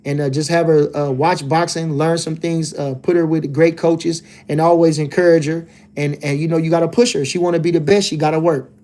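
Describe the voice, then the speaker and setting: A man's voice: a little high, fairly even intonation, brisk, few pauses, warm tone. Laid-back man rambling on a boxing livestream. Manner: laid-back, loose and rambling, lots of "you know what I'm saying". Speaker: livestream host, boxing commentator. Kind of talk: casual livestream chat reading comments.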